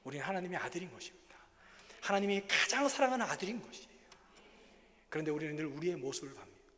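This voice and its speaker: In a church sanctuary, a missionary preacher gives an earnest, confessional sermon testimony. His voice is a little high, very animated, fast, pushed and bright. The hall is reverberant, with faint ambience in the background.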